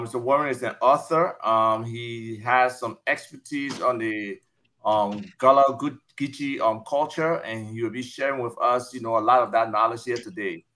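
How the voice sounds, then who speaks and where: Man, moderator, bright forceful voice, upbeat, video call audio. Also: mid-range voice, slight background noise. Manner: upbeat, coaxing guests to unmute. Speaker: panel moderator. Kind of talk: video call panel hosting.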